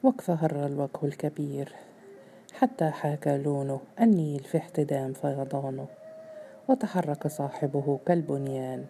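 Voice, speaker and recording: امرأة تروي رواية بقراءة متزنة منتظمة. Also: female voice, low voice, normal speed, warm tone, a little hiss or hum. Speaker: narrator. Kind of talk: scripted narration of a novel.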